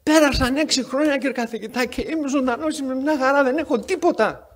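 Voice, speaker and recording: A man voicing an excited former male patient who eagerly calls out to his old doctor. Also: very high voice, voice pushed up. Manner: eager, calling out insistently.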